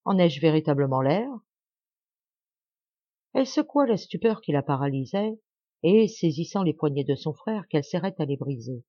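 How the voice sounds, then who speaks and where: A woman reading a literary audiobook with steady, expressive narration. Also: sits low, a little fast, no room sound. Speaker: audiobook reader. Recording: dull dry lo-fi audio.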